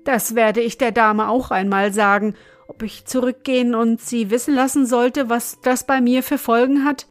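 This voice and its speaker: A woman's voice: a little high, steady tone, moderate pace, no echo, faint music behind, lightly acted. A woman voicing a fretful, bewildered older male councillor who complains plaintively in a storybook reading.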